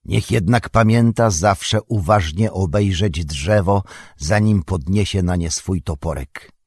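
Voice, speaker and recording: A man voicing a solemn grey-bearded old male wizard in an audiobook, measured and commanding. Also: sits low, darkish tone, slightly rough, no room sound, clean studio sound, full character voice. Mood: gentle. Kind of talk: audiobook character voice.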